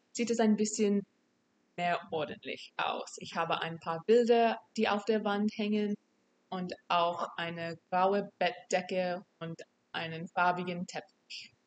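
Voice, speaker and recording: A woman's voice: medium pitch, steady tone, measured pace. Young American woman speaking learner's German. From United States. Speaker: podcast guest. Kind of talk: casual interview answers.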